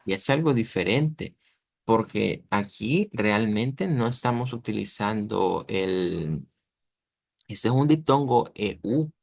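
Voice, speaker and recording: A man, teaching pronunciation in an online lesson. His voice is lowish with plenty of gravelly fry. He talks patiently and keeps checking in with the class, recorded dry and close to the mic. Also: lively intonation, takes it slowly, dry recording. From Latin America. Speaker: language teacher.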